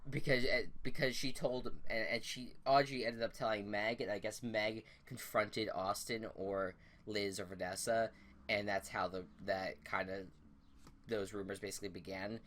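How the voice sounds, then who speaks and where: A man's voice: on the low side, normal speed. A young man co-hosting a podcast, recapping events in a loose, rambling way with lots of restarts and self-corrections. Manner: animated retelling that acts out quotes. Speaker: podcast co-host. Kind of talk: casual TV show recap.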